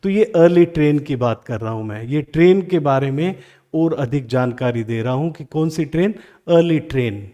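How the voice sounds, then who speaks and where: Mellow-voiced Indian teacher explaining grammar. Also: male voice, on the high side. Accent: Indian English. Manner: asks questions then answers them himself, reads example sentences slowly. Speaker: English teacher. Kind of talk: classroom grammar lesson.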